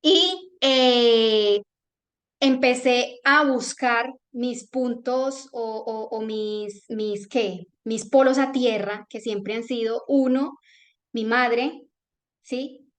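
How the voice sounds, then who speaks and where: A woman's voice: a little high, extremely slow. A woman, sharing a personal testimony with an audience and acting out the voices in her story. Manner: animated storytelling, acts out quoted voices. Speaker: testimonial speaker.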